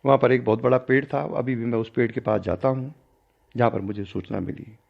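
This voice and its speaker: An older man, a spiritual teacher, recounting a personal story in a discourse and acting out the dialogue with changing pitch and loudness. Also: fairly even intonation, brisk, creaky. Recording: dull lo-fi recording.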